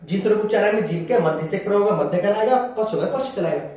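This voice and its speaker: A man teaching a class, repeating each point slowly so students can write it down. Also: high voice, expressive, a little mellow. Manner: repeats and dictates slowly for note-taking. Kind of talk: classroom lecture dictating notes. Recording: very echoey room.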